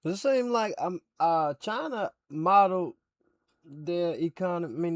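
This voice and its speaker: A man's voice: medium pitch, no echo. A man hosting a reaction video, musing and thinking aloud in casual commentary. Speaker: reaction channel host.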